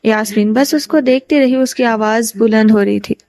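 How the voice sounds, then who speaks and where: Woman narrating a novel, fairly high voice. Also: a little mellow. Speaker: audiobook narrator. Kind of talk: reading a novel aloud.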